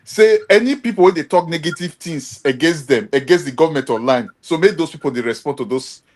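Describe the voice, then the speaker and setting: A man's voice: on the high side, lively intonation, brisk. A Nigerian man on a livestream, chatty and gossipy, leaning into Pidgin. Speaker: livestream guest.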